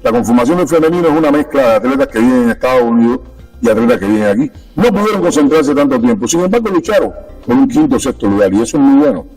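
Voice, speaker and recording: A man's voice: medium pitch, expressive, fast, a little mellow, far from the mic, faint music behind, rough recording. A Cuban-born man speaking as a sports official guest in a conversational interview, emphatic and repeating his key points. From Cuba.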